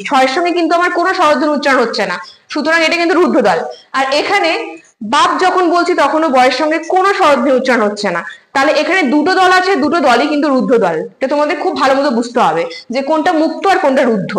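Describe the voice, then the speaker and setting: A Bengali literature teacher gives an online lecture in a high, fairly bright voice, explaining terms step by step. She often repeats key words and checks that students are following. The audio is poor and sounds roomy.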